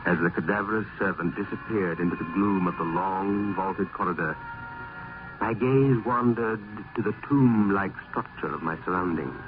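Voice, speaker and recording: A man playing a weary, foreboding gentleman poet in a gothic radio drama, with formal, literary speech. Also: low-pitched, moderate pace, natural voice. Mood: brooding, uneasy. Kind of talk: old-time gothic radio drama acting. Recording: muffled vintage radio recording, loud music.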